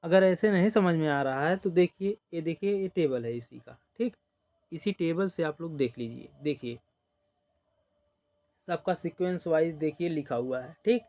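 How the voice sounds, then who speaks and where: In a slow classroom style, this man walks through a simple number-system lesson step by step, his voice on the higher side and a little mellow. He keeps repeating numbers patiently, stretches out the counting, and frequently drops in "dekhiye" and "ok."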